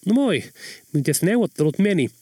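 A man's voice: sits high, big pitch swings, mellow, breathy edge, no room sound, clean studio sound, voice pushed up, full character voice. A man reading an audiobook gives a raised, lilting voice to a cheerful young woman on the phone with her partner. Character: young adult woman, a spy's girlfriend, cheerful.

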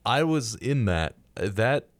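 A young man co-hosting a podcast, telling stories in casual chat, getting animated and higher when excited. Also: takes it slowly, no echo, clean studio sound. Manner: animated storytelling, rises in pitch when excited. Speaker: podcast co-host.

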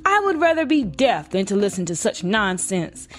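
A woman's voice: mid-range voice, big pitch swings, moderate pace, faint music behind, close to an everyday voice. A woman voicing a grumpy, snappish male iguana in a storybook reading. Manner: snappish, grumbling.

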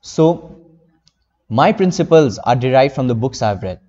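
A man's voice: medium pitch, animated, a little slow, darkish tone, in a large hall, muffled recording. A teenage boy from India speaking earnestly as an interview guest, rambling with many fillers. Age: teens. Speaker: interview guest, young novelist. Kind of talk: casual interview.

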